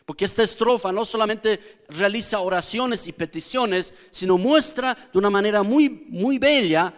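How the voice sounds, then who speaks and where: A male pastor delivers a teaching sermon, his voice sitting fairly high for a man. He explains slowly and carefully, often turning to the congregation with a quick question. The sound carries a long reverb from the church hall around him.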